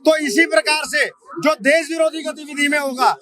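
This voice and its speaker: A man in a heated street debate, lecturing forcefully with rhetorical questions. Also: extremely high pitch, steady tone, moderate pace. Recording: loud crowd around.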